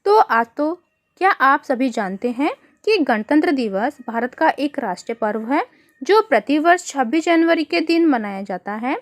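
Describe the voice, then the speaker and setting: A woman teaches young children from a worksheet. Her voice sits high and swings widely in pitch. She explains patiently, asking the kids questions and calling them "beta". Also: expressive, moderate pace. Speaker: primary school teacher. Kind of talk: online worksheet lesson for children.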